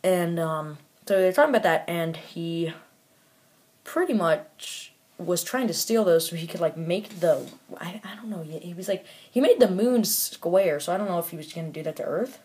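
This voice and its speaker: A man's voice: high voice, animated, normal speed, darkish tone. A man casually reviewing a toy set, rambling with lots of fillers and restarts and making offhand, mildly critical remarks.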